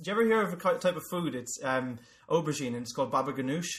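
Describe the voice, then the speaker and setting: A man's voice: fairly high pitch, expressive, fairly bright tone. An Irish man co-hosting a comedy podcast, teasing and joking in casual chat. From Republic of Ireland. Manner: teasing, bantering, quick to joke. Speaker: podcast co-host.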